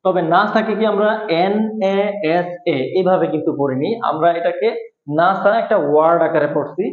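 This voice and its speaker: A man teaching an English lesson at a board, explaining slowly and repeating each point. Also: high-pitched. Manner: slow, repetitive explaining, spelling out letters. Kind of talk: whiteboard lesson. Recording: echoey room, tinny phone-like sound.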